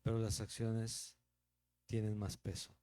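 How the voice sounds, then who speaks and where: A man's voice: fairly low pitch, completely flat delivery, a little slow, warm tone, no room sound. A man with a Mexican Spanish accent teaching the Bible verse by verse as a pastor, in a conversational preaching manner with rhetorical questions.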